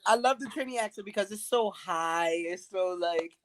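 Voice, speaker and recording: A woman from Brooklyn chatting on a podcast, telling animated stories and laughing often. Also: mid-range voice, moderate pace, dry recording. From Brooklyn, New York. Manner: animated storyteller, laughs and plays voices. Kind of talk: casual chat. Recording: noisy recording.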